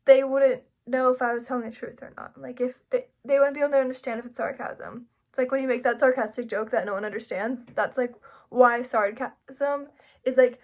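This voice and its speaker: A woman's voice: on the high side, fairly even intonation, brisk, a little mellow. Chatty young woman, lots of "like". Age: young adult. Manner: frequent "like" fillers, chatty and informal. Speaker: psychology student. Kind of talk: casual class presentation.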